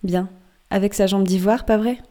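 A woman reading an audiobook and voicing a hairy, hunchbacked old male merman who mumbles and repeats himself slowly. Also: medium pitch, steady tone, warm tone, close to an everyday voice. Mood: mocking.

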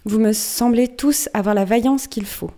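A woman voicing an obsessed, vengeful old male sea captain in a dark, low, declaiming voice, reading from a storybook. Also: normal speed, natural voice. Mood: raging.

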